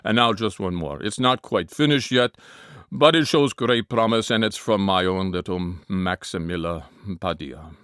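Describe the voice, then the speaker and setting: A man voicing a pompous German comedy show host with a German accent, delivering it mock-earnest and deadpan. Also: lowish voice, moderate pace, clean tone, no echo, voice pushed down, lightly acted. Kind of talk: comedy character voice demo. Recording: dry close studio mic.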